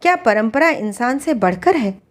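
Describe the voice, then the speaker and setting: Woman reading as a calm, earnest husband. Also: extremely high pitch, moderate pace. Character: calm, reasoning husband challenging harsh customs.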